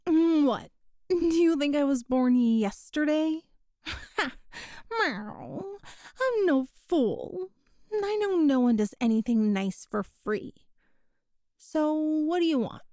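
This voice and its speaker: An ASMR roleplay performer plays a young cat-girl burglar who gets caught and talks back, sheepish and flustered. Her high, warm voice comes slowly and unhurried, recorded close and dry with no room sound.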